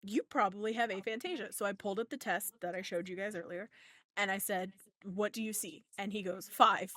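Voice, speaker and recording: A woman's voice: mid-range voice, fairly even intonation, a little fast, a bit bright, dry recording. A woman in her thirties hosting a podcast, telling a story in casual chat and acting out the back-and-forth dialogue with free swearing. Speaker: podcast host.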